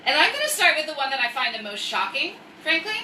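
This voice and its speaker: A high-pitched, fast-talking woman with big pitch swings and a sharp tone hosts a casual live story time. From the United States and a first-language English speaker, she rambles with jokey asides and reads aloud. Roomy echo, a far-off mic and faint noise mark the audio.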